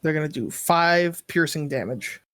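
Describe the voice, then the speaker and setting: A woman acting as game master, calling out rolls and results in a brisk, matter-of-fact way. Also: sits low, fairly bright tone. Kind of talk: narrating a tabletop game.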